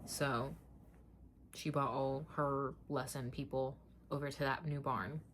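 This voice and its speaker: A young adult woman telling a personal story to viewers as a vlogger, in a casual, chatty, candid way with slangy, emphatic repetition and animated delivery. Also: extremely low pitch, slow pace, slight background noise.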